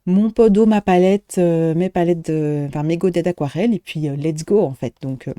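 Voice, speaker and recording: A woman's voice: lowish voice, normal speed, warm tone, no echo, clean studio sound. A middle-aged woman shop owner chatting casually in a show-and-tell vlog, hesitating often with fillers and restarts.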